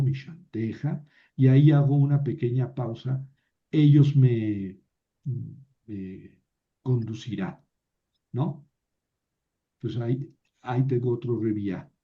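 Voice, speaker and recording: A man's voice: medium pitch, dull audio. A man teaching a patient, step-by-step lesson, with many fillers and restarted words. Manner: stumbles and restarts words mid-sentence. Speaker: Biblical Hebrew teacher. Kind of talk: recorded online lesson.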